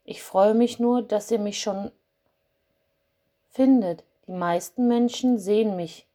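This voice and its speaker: A woman voicing a gentle, timid young fir tree that speaks softly and apologetically in a storybook. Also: mid-range voice, takes it slowly, natural voice. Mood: apologetic. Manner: soft, apologetic.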